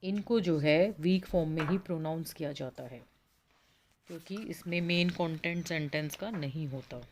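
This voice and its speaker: A young woman with an Indian accent teaches English pronunciation in an online lesson. She reads English lines slowly, then explains them patiently in Hindi. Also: low-pitched, a little hiss or hum. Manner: patient, explanatory, addresses students as children.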